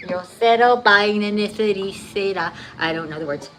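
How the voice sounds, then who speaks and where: Soft music plays in the background as a woman with a New Jersey accent and slight lisp hosts a casual livestream, cooking and doing dishes in her home kitchen with tap water running. Her medium-pitched, fairly bright voice moves at normal speed. Chatty and upbeat, she hums and sings along.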